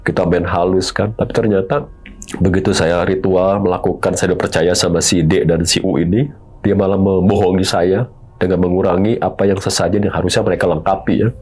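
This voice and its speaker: Middle-aged man, low husky voice, confessional storytelling, earnest and pleading. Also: fairly even intonation, brisk, darkish tone. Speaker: guest telling his story.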